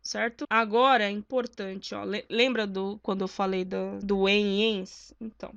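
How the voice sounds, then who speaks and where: A woman's voice: mid-range voice, steady tone, measured pace, gravelly, a bit bright, clear, resonant tone, dry recording, dull audio. Didactic woman teaching grammar. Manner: didactic, checks in with "né?" and "certo?". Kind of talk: explaining spelling rules at a board.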